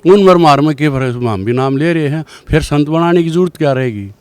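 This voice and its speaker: Older man, smooth dry voice. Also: a little high, fairly quick, a little mellow, dry recording. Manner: rambling, with many restarts. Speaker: devotee giving testimony. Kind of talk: personal testimony storytelling.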